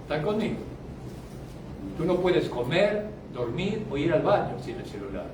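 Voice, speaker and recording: A male pastor giving an emphatic sermon. He swings from loud, drawn-out declarations down to low, quiet asides. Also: very animated, noisy background. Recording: echoey hall, mic at a distance.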